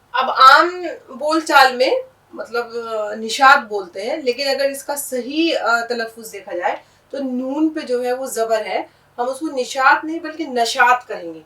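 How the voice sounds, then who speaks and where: A woman with a high voice teaches a language lesson, patiently spelling each word letter by letter and repeating it. She sounds distant from the mic. The room around her is echoey. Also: pushed and bright. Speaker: Urdu teacher.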